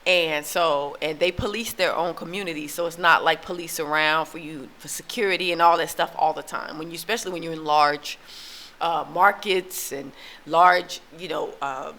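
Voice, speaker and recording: Living in Tanzania, this US-born relocation vlogger talks casually to her audience, rambling through her opinions with lots of fillers and false starts. She speaks in a low, bright, forceful voice at a moderate pace, with fairly even intonation.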